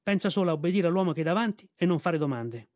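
A man's voice: high-pitched, expressive, quick pace, darkish tone, no echo, clean studio sound. A man voicing an old veteran army mule in an audiobook, blunt and bossy. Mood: gruff. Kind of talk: audiobook reading.

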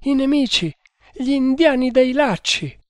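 A man's voice: very high voice, animated, measured pace, dry recording, pitched above the performer's own voice. A man voicing a treacherous, terrified male servant who wails and sobs as he pleads, in an audiobook. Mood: wailing. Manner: wailing, sobbing, frantic pleading. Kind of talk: audiobook character voice.

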